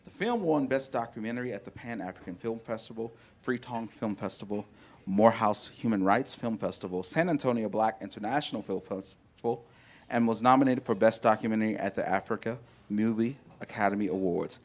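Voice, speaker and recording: A man's voice: lowish voice, fairly quick. A man hosting an event, reading out a scripted biographical introduction of a guest speaker.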